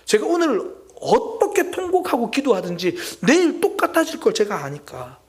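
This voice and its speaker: A man preaching a sermon as pastor at a Friday prayer meeting, swinging between loud exclamations and hushed whispers. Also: very high voice, wildly swooping pitch, normal speed. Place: church sanctuary.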